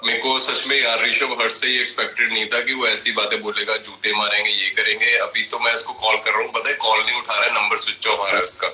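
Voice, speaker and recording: A man's voice: on the low side, little pitch movement, fast talker, few pauses, bright, forceful tone, roomy sound, low-quality recording. A man talking on a live stream, heated and defensive, explaining his side at length. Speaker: reality show contestant on a live stream. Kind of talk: casual live-stream chat.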